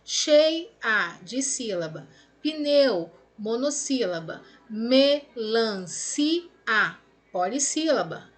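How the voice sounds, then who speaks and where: Speaking slowly in a slightly high, expressive, fairly bright voice, a woman with a Brazilian Portuguese accent walks students through grammar exercises in a recorded lesson. She breaks words apart syllable by syllable, explains each step, and keeps checking in with the class.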